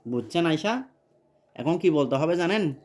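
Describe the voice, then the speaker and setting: A man teaching recitation and prayer one-on-one, patiently correcting his pupil and repeating phrases slowly. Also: a little high, animated, noisy background.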